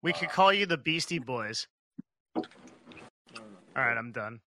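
A man's voice: mid-range voice, expressive, slow, bright, forceful tone, a little hiss or hum. A man teasing and joking in a casual group podcast chat.

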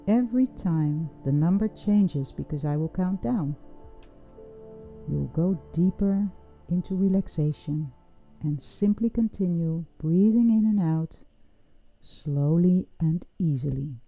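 A woman leading a guided breathing meditation in a soft, soothing, unhurried voice with long pauses. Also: on the low side. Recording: dull, muffled sound with music underneath. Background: music.

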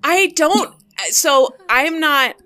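A woman's voice: high-pitched, very slow, sharp tone. A woman co-hosting a podcast, joking and teasing in casual, informal group banter. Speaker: podcast co-host.

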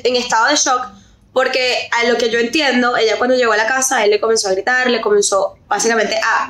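A young woman with a Venezuelan accent, co-hosting a podcast and telling a story in animated casual chat, slipping English words into her Spanish. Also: fairly high pitch. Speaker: podcast co-host. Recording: roomy echo.

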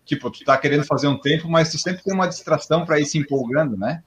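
A man hosts a relaxed interview at a brisk pace. His voice sits slightly high, and he asks quick conversational questions that he often closes with a tag. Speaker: interviewer host. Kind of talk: casual interview.

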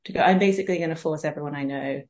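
A woman with a slightly low voice hosts a casual interview. She talks informally and effusively, like a chatty interviewer. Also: very fast, a little mellow. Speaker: interviewer, host.

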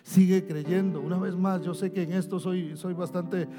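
A male pastor preaching a sermon, calling listeners brother, repeating phrases for emphasis and swinging from loud to hushed. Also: high voice, steady tone, normal speed, music in the background.

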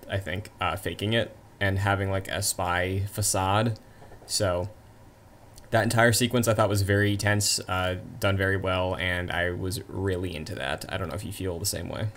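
A man co-hosting a casual movie review chat, talking in long, rambling asides. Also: low-pitched. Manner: chatty, trailing asides. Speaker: podcast co-host.

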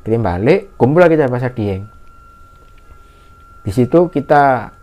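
A man recounts a hiking story in a loose, conversational way. His pitch swings widely as he acts out the shouts of his companions. His voice sits at a mid pitch. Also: a little slow, muffled recording. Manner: animated, acts out shouted quotes in a higher voice. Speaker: guest storyteller. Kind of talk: casual spoken horror story.

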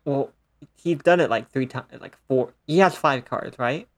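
A woman's voice: very deep voice, measured pace. A woman co-hosting a podcast, agreeing in casual chat and dropping dry one-liners. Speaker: podcast co-host.

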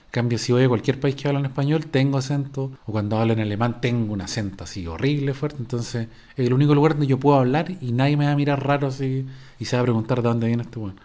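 A man's voice: mid-range voice, fast, mellow. A middle-aged Chilean man with a Chilean accent, chatting casually on his podcast, rambling and slangy with frequent restarts. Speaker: podcast host. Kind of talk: casual chat answering listener questions.

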